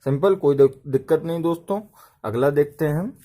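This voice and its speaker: A man's voice: fairly quick, warm tone. A man teaching an exam-prep grammar lesson, often checking in with a rising "okay?". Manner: repeats "ठीक है" with a rising pitch to check the class is following.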